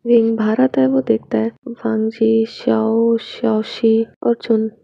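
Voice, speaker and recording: A woman's voice: a little high, level tone, slow, creaky, no echo. A woman reads a romance fan fiction story aloud and voices every character herself, with little change between narration and dialogue. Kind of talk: reading a romance story aloud, doing all parts. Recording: dull lo-fi home recording.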